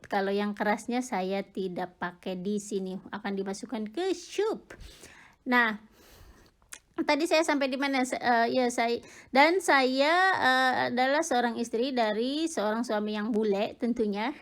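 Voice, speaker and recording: A woman's voice: fairly high pitch, unhurried. Giggly middle-aged woman cooking vlogger. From Indonesia. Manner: chatty, giggly, many fillers. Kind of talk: casual cooking vlog chat. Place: home kitchen.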